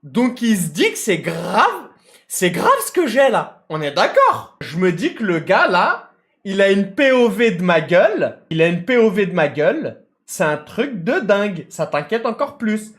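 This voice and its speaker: A man telling a comic anecdote in casual slang, acting out people and shouting at times. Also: sits high, measured pace. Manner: animated, slangy, mimics and shouts mid-story. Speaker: storyteller recounting a tow job.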